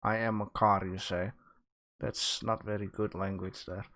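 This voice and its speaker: A man's voice: lowish voice, little pitch movement, pushed and bright. A man hosting a livestream, chatting casually with his viewers, joking and restarting his sentences as he goes. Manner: rambling, joking with chat, halting restarts. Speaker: livestream host giving art critique.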